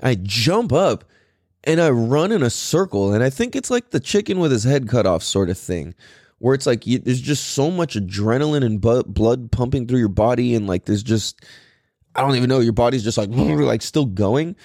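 A man's voice: mid-range voice, animated, moderate pace, darkish tone, dry recording, studio quality. A man casually telling a story in a rambling, profane way, full of fillers and restarts.

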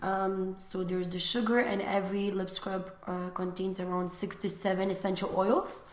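In an echoey room, a young Lithuanian woman chats as an interview guest about the small business she runs. Her pitch is medium and her pace moderate, and she keeps it loose and chatty, with lots of fillers.

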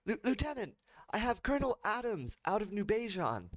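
A man voicing a nervous male control-room officer who stammers and speaks high and urgent. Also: huge pitch swings, moderate pace, no room sound, full character voice, low-quality recording.

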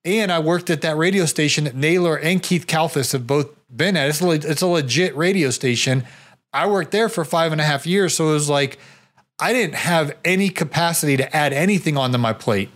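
A man's voice: a little high, fairly quick, fairly bright tone. A male podcast host telling anecdotes in casual, informal conversation.

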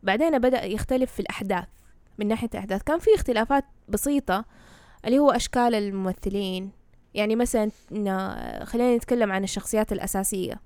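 A woman speaks quickly in Hejazi Saudi Arabic with English words mixed in. She explains in a casual, conversational way, often tossing in check-in questions. The sound is close and dry. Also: medium pitch, sing-song, dark tone, no room sound. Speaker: knowledgeable guest explaining fantasy lore.

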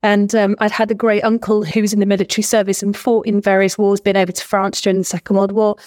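A woman's voice: medium pitch, flat delivery, fast talker, a little mellow. A woman from England in her forties, a former language teacher, chatting enthusiastically as an interview guest and laughing often. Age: 40s. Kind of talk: casual interview chat.

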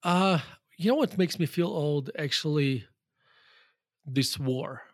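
Russian-accented man, chatty and high-voiced. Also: slow pace, no echo, clean studio sound. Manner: rambling, with many fillers and restarts. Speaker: guest investor. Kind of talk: conversational interview.

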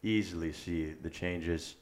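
A man's voice: low voice, steady tone, a little slow, a little mellow. A young man co-hosting a podcast, talking in an earnest, rambling way full of "like" fillers. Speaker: podcast co-host. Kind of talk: casual chat.

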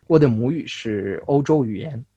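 A young man from Russia, a native Russian speaker, talks casually as an interview guest in foreign-accented Mandarin, halting and correcting himself. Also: medium pitch, lively intonation, warm tone, slightly rough, dry recording, highs cut off. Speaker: interview guest, language learner.

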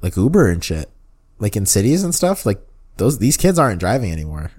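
A man's voice: fairly low pitch, sing-song, fairly quick, darkish tone, slightly rough. A young American man in casual chat, talking like a frat bro in loose slang with plenty of swearing. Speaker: podcast co-host.

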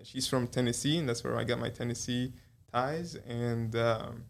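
A young man from Egypt speaks as a pediatrician guest in a conversational interview. His voice stays level and flat in pitch. He hesitates often, restarting sentences with fillers. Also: normal speed, creaky.

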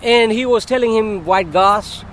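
High-pitched man with a Tanzanian accent. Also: unhurried, a bit bright. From Tanzania, East Africa. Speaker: passer-by chatting on a livestream. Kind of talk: casual street chat. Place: outdoors on a city street beside a car. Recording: street noise, car ambience.

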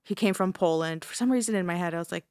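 A woman's voice: fairly low pitch, fast, darkish tone, clear, resonant tone, dry recording, clean studio sound. A woman co-hosting a casual podcast, reacting to the story with laughs, swearing and little gasps. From Canada. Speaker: podcast host.

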